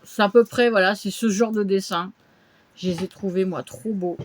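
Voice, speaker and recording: A woman's voice: medium pitch, steady tone, normal speed. A woman chatting casually through a shopping haul video at home, with lots of fillers and little interjections. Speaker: vlogger showing a shopping haul.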